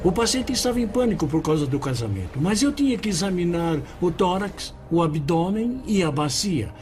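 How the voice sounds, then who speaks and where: An actor playing an attentive, soothing emergency doctor with a Brazilian accent in a dubbed documentary. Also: male voice, sits high, sing-song, normal speed, a little mellow. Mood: explanatory. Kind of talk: dubbed documentary dialogue and narration. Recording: clearly noisy background ambience.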